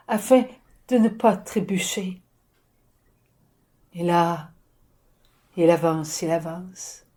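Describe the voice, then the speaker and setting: A woman delivering an inspired spiritual message in slow, halting phrases, often dropping to a soft whisper. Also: mid-range voice. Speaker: spiritual medium.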